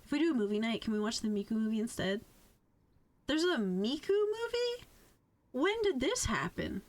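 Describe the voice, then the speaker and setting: With music in the background, a young woman chats on her livestream, joking around informally and cursing without restraint. She speaks at a moderate pace in a fairly high, sing-song voice.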